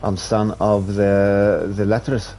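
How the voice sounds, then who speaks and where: Speaking slowly in a voice on the low side, a young Swedish man with a Swedish accent chats casually with his viewers while streaming a racing game. His talk is relaxed and rambling, restarting as he plays, over soft background music.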